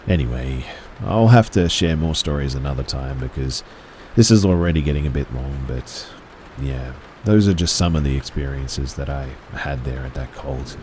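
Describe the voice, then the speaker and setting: Deep male horror narrator, measured and hushed delivery. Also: slight background noise, low-quality recording.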